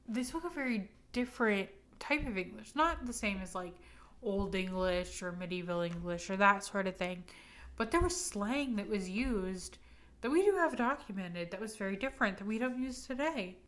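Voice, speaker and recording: A woman's voice: medium pitch, fairly bright tone. A woman in her twenties, drunk and rambling emphatically through a casual, opinionated rant. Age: 20s.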